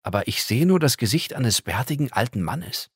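A man's voice: mid-range voice, big pitch swings, normal speed, breathy edge, no room sound, clean studio sound, voice pushed up. Man doing a sensible young guy, firm, matter-of-fact, slightly raised voice.

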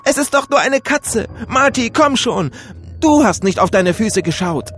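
A man voicing an upset young girl in an audiobook, shouting high and shrill as she pleads. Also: lively intonation, unhurried, faint music behind, full character voice. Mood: pleading.

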